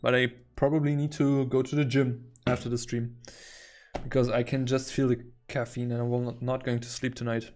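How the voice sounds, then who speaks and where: A chatty man in a relaxed livestream, talking loosely while he works on a drawing. His pitch sits in an ordinary middle range, and he rambles and is quick to find things funny. Soft music plays faintly behind him. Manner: chatty, rambling, easily amused. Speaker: artist streaming while drawing. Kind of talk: casual livestream chat. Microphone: headset.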